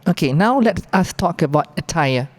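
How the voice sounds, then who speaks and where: A woman's voice: on the low side, animated, moderate pace. A woman with a Malaysian accent gives an explanatory briefing on rules, going through them point by point in an instructive manner. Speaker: competition briefing presenter.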